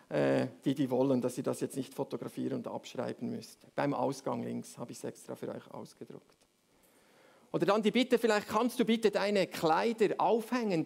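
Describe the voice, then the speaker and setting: Gravelly preacher. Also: male voice, high voice, darkish tone. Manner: earnest, explaining step by step with frequent "oder?". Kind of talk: sermon.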